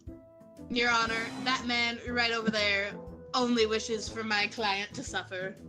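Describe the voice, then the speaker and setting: A woman's voice: on the high side, flat delivery, normal speed, over music. A woman streaming a courtroom game, arguing as the defense lawyer with theatrical flair and greeting her viewers. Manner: dramatic mock-lawyer delivery with cheerful chat shout-outs. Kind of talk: playful courtroom role-play on stream.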